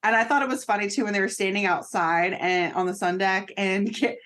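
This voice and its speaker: A woman's voice: steady tone, a little fast, a bit bright. A woman co-hosting a podcast, recapping a reality show in casual chat and laughing often as she acts out quotes. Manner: giggly, acts out quotes in high voices. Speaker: podcast co-host.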